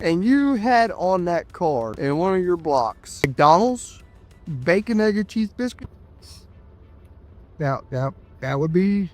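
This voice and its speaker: A man with a nasal, stuffed-up voice from being sick, chatting casually and folksily to viewers as a trucker vlogger. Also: high voice. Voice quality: nasal, congested. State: sick with a cough and congestion. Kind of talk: casual vlog chat to viewers.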